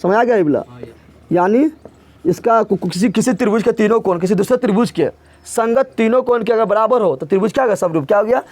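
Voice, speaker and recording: Male math tutor, high-pitched, drills the class with repeated call-and-response questions. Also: fairly quick, darkish tone. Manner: drills terms by repeating words three times. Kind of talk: live classroom teaching.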